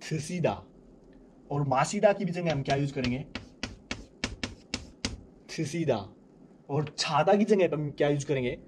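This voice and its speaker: A young man teaching a language class, explaining grammar step by step and slowly repeating each example. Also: a little high, noisy background. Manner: repeats examples slowly, asks and answers own questions.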